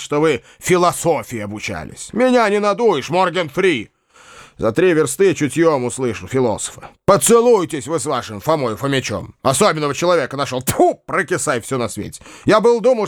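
A man voicing an irascible older male provincial landowner who blusters and shouts, quick to temper. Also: on the high side, no echo, studio quality, pitched above the performer's own voice. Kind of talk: audiobook character voice.

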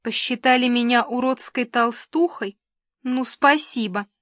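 A touchy young bride speaks softly with a cooing, plaintive edge in an audiobook, as a woman reader voices her. She speaks slowly and fairly high. The sound is dry and close. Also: dry recording. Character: touchy young pregnant bride, sweetly offended. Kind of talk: audiobook dialogue reading.

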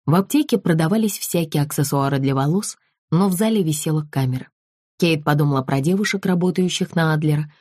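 A woman reads a thriller audiobook in an even, measured way. Her voice is low and dark with a husky grain, and the recording is very dry and close. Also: no room sound. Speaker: audiobook narrator. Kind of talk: scripted narration of a thriller audiobook.

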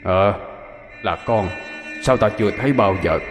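A man voicing an old male guardian earth spirit, low and stern. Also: measured pace, in a large hall, music in the background, lightly acted.

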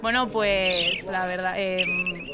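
With loud music behind her, a Spanish woman from Madrid answers questions in a casual interview, slowly and in a steady, lowish voice. Her Madrid accent comes through as she hesitates, using plenty of fillers and starting over often.

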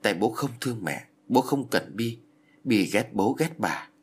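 A man's voice: on the low side, animated, unhurried, husky, exaggerated voice. A man voicing a small, clingy, vengeful ghost girl who pleads and sobs, in a storybook reading. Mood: resentful. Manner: sobbing, pleading childlike talk.

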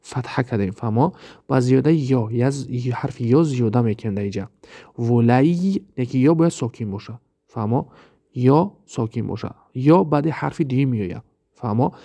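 A man's voice: medium pitch, vocal fry, dark tone. A man with a Tajik accent teaching Arabic grammar in a recorded lesson, explaining step by step, repeating words and often checking that his listeners understand.

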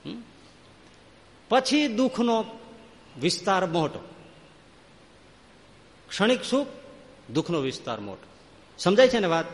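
A man's voice: high voice, big-room sound. A man giving a devotional sermon, telling stories and reeling off long spoken lists. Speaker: preacher.

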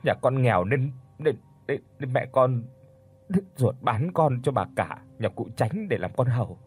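A man voicing a frightened young servant girl who stammers as she begs for mercy, in a husky voice. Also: medium pitch, animated, unhurried, a little mellow, faint music behind. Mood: pleading. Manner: stammering pleading.

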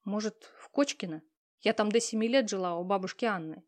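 A woman's voice: mid-range voice, brisk, a little mellow, close to an everyday voice. A woman reading an audiobook, voicing a flustered young female student who talks hesitantly and anxiously.

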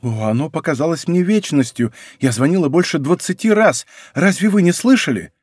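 A man voicing a hushed, sorrowful noble marquise. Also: fairly high pitch, lively intonation, a little fast, breathy edge, no echo, studio quality, pitched above the performer's own voice. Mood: wistful. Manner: soft, hushed, faintly bitter. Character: grieving, guarded young noble marquise. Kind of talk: audiobook character reading. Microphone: close studio microphone.

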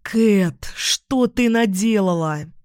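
A narrator voicing a desperate young man who shouts warnings and pleads, in a dry close recording. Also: medium pitch, slow pace, clear, resonant tone, no echo, close to an everyday voice. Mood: alarmed.

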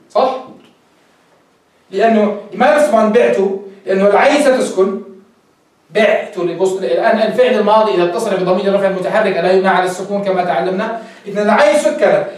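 A man who teaches a grammar lesson as a sheikh and keeps checking with his students, asking and answering his own questions. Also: extremely high pitch. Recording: echoey room, voice far from the mic.

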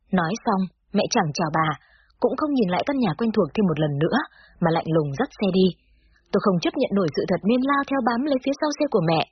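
A woman narrating a first-person story in a sorrowful, measured way, in a slightly dull lo-fi recording. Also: medium pitch, slight background noise.

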